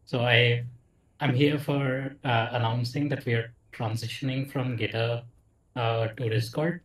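A man from India, a software engineer making a polite, measured announcement on a video call. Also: medium pitch, fairly even intonation. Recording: echoey room, distant mic.

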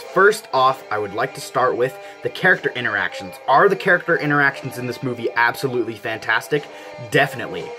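A man's voice: mid-range voice, rough recording. A young man casually reviewing a film, gushing with enthusiasm and filling his talk with "like". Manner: gushing, enthusiastic, frequent "like" fillers. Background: background music.

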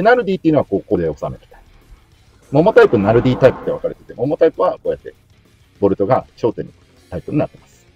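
Middle-aged male host, casual DIY tutorial, lively pitch, grumbles while working. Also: slightly rough, dry recording, muffled recording. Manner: chatty, mutters complaints while working.

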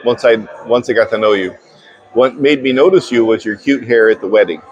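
A man chatting casually with his wife at a restaurant in a relaxed, teasing way. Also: mid-range voice, brisk, highs cut off. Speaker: husband. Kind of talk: casual chat. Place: busy restaurant. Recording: noisy restaurant crowd. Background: restaurant crowd chatter.

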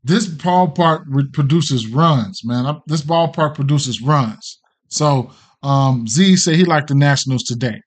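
A middle-aged American man with a slightly higher-pitched voice hosts a sports betting show, casually talking through livestream picks off the cuff. He thinks out loud at a measured pace, trailing off, rambling and hesitating, his speech loose, slangy and full of profanity.

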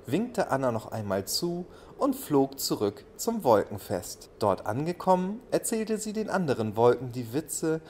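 A man telling a bedtime story for small children, calm and gentle in his delivery. His voice sits at an ordinary male pitch. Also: a little slow, hardly any pauses, slight background noise. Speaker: narrator. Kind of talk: bedtime story audio play narration.

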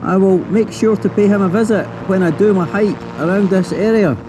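A Scottish travel vlogger enthusiastically narrates a casual vlog straight to his viewers, first from a helicopter over a lake and then outdoors at an airstrip. His voice is high-pitched and brisk with fairly even intonation, and loud engine and outdoor noise fill the recording.

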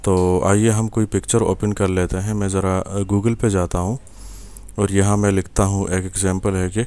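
A young Pakistani man with an Urdu accent gives a patient, step-by-step screen-recorded software lesson at his computer, often checking in with the viewer. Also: low-pitched, flat delivery, clean tone. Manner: patient, step-by-step, many fillers and "ٹھیک ہے" checks. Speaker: software instructor.

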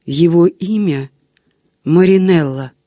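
A woman's voice: fairly low pitch, slow pace, dark tone, no echo, studio quality. A woman reading as a frightened pleading girl. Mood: sorrowful. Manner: trembling, pleading.

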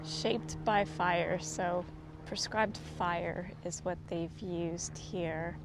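A middle-aged woman vlogger casually narrates her walk along a forest trail, pointing out things as she goes in an easygoing, descriptive way. Her voice is fairly low and fairly even, and she speaks extremely slowly. It's picked up by a handheld camera that's often some distance away, with faint outdoor noise behind her.

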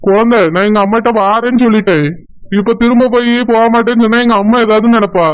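A man voicing a gentle, reassuring young village husband with a Tirunelveli Tamil accent in a cartoon. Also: very high voice, steady tone, fast talker, smooth. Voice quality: soothing, reassuring. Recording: dull lo-fi sound.

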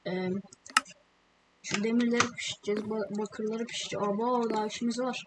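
Woman gamer narrating her play, excitable and slangy, loud noise and clicks behind her. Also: fairly high pitch, fast talker. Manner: chatty, excitable, slangy asides to viewers. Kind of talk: casual gameplay commentary.

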